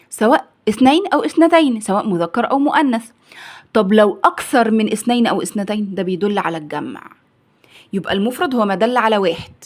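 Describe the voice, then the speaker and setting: A woman with an Egyptian accent, a primary school teacher, gives a grammar lesson for young children. She asks questions and then answers them in the pupil's voice. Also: mid-range voice. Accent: Egyptian Arabic. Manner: asks and answers her own questions, acting out the pupil's replies.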